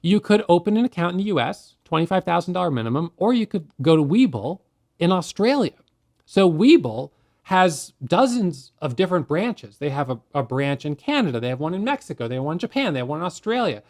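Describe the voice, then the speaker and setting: A man with a fairly high voice talks to camera about day trading, the way a teacher walks a class through a rule. He keeps it conversational and often poses a question before answering it himself. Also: very animated, brisk, a little mellow. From United States. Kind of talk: explanatory talk to camera.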